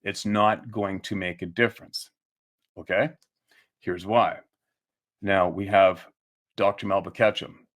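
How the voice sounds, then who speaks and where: A man's voice: low-pitched, fairly even intonation, a little slow, long pauses. Angry, swearing man ranting. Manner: angry, profane, emphatic ranting; repeats himself and restarts mid-sentence. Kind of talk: heated monologue to camera.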